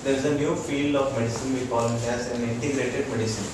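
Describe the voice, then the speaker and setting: In a mid-range voice with fairly even intonation, a doctor with an Indian accent talks at a quick pace. Teaching integrative medicine informally to a small audience, he repeats short phrases and confirms his listeners are following, captured by a distant mic in a noisy, echoey room.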